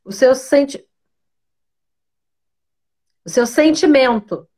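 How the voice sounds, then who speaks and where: A woman, a pedagogue, giving parenting advice in a live-streamed interview, often tagging her sentences with a questioning "né" and pausing to greet viewers by name. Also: high voice, expressive, darkish tone. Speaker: pedagogue guest.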